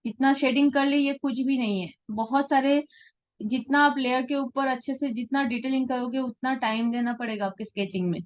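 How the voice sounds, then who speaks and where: A woman's voice: sits high, fairly even intonation, a little fast, highs cut off. A woman teaching a live portrait-drawing class, explaining patiently and often checking that her students follow. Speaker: art teacher.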